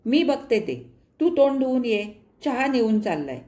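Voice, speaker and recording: A woman voicing a cautious older mother-in-law who tries to smooth over a family quarrel. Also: on the high side, very animated, measured pace, dark tone. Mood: placating. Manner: calling out, smoothing things over.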